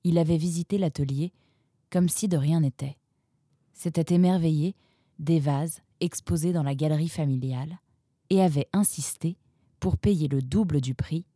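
Calm low-voiced woman storyteller. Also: moderate pace, no room sound, clean studio sound. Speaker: narrator. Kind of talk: scripted storybook narration.

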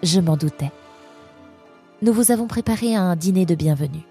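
A woman voicing Sahar, a calm, mysterious she-fox. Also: fairly low pitch, soft background music. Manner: even, measured, soft-spoken.

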